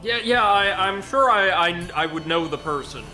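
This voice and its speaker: A man hosting a live gaming stream, talking easily and reading out comments from chat. His voice is a bit high for a man, and game music plays clearly behind him. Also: expressive, moderate pace, pushed and bright. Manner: chatty, reads viewer comments aloud. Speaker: host. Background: video game music.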